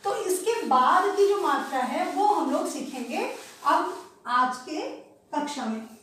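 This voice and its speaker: A woman with a very high voice teaches young children in a classroom. She talks slowly and patiently, putting questions to the class and then answering them herself. The mic sits some way off, so she sounds distant in a strongly echoing room. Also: lively intonation, fairly bright tone, a little hiss or hum. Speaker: primary school teacher.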